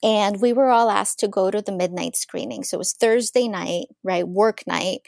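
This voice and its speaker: A woman from Ukraine in her thirties, a psychologist telling her story as a podcast guest in an eager, lively way. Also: mid-range voice, moderate pace, creaky, no echo, studio quality. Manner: warm, eager storytelling with frequent laughs. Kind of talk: casual interview.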